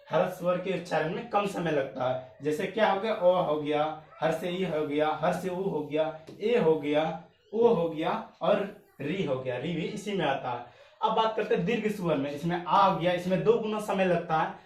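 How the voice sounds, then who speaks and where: A male teacher with a fairly high voice, speaking a little away from the mic. He drills each point over and over and answers his own questions. The room gives his voice a clear echo. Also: a little mellow. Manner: repeats each point several times, asks questions and answers them himself. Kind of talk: classroom grammar lesson. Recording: echoey room, voice a bit distant.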